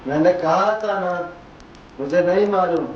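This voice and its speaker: A man's voice: sits high, a little slow. An actor playing a defiant male prisoner who talks back to his interrogators. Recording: echoey, dull, faint noise.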